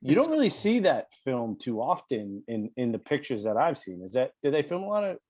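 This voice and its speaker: A podcast host with a Long Island accent, talking enthusiastically and self-deprecatingly, swearing casually. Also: male voice, medium pitch, big pitch swings, brisk, a little mellow, no echo.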